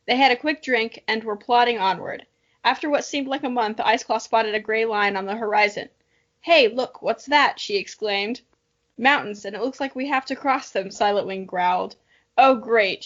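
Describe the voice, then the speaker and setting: Giggly and self-mocking, a young podcast co-host gives a story a dramatic reading and talks it over in a casual, playful way. She speaks at a normal speed in a voice on the high side with a fairly bright tone, though the lo-fi audio sounds dull.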